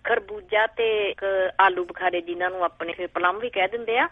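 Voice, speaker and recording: A woman's voice: medium pitch, fairly quick, dry recording. A woman calling in to a radio show, explaining at length in a chatty, rambling way. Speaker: caller. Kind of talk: phone call to a radio show. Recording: tinny phone line.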